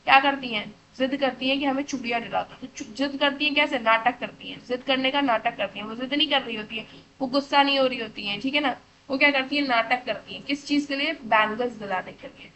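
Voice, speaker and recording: A woman's voice: sits high, a little fast, pushed and bright, a little hiss or hum, rough recording. A woman teaching children, asking questions and answering them herself, addressing them fondly and checking they follow. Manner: calls listeners beta, keeps checking with "theek hai". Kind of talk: classroom lesson for children.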